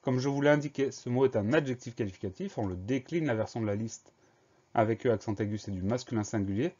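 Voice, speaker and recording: A man's voice: medium pitch, quick pace, mellow, muffled recording. A man teaching a spelling lesson, explaining each word patiently and spelling it out letter by letter.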